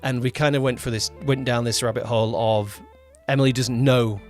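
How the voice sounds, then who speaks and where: With faint music playing behind him, the podcast's producer and co-host gives a casual project update, his medium-pitched voice brisk and fairly even in intonation. He explains things loosely, frequently doubling back on himself.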